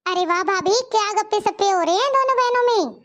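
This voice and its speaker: A kind young sister-in-law from a cartoon story, voiced by a woman, who is always trying to make peace. She has a gentle, soothing way of talking. Her voice is very high and squeaky. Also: lively intonation, a little fast, dull audio. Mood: cheerful.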